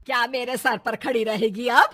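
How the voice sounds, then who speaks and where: Cartoon mother-in-law, older and harsh, loud slow scolding, bright tone, put on by a woman. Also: on the high side, level tone, full character voice. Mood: angry scolding. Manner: shouting, scolding, drawn-out taunts.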